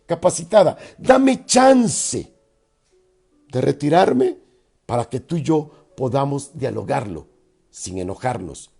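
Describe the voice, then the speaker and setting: A middle-aged man gives an expressive motivational talk, acting out little dialogues. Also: vocal fry. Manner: expressive, acts out little dialogues with sudden pitch swings. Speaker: speaker on emotional self-control.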